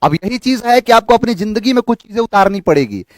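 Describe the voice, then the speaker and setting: Indian teacher reading answer options aloud. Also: male voice, high voice, lively intonation, dry recording, studio quality. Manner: explains English questions in Hindi, reading options slowly. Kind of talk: exam prep lesson.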